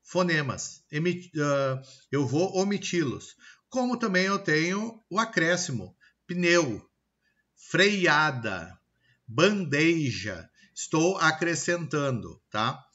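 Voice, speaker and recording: A man with a Brazilian Portuguese accent teaching a recorded grammar lesson, checking in with "tá?" and sounding out example words slowly. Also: on the high side, sing-song, a bit bright, muffled recording. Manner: explanatory, pausing with frequent "tá?" and "ok?" checks; slow, deliberate word-by-word example pronunciations.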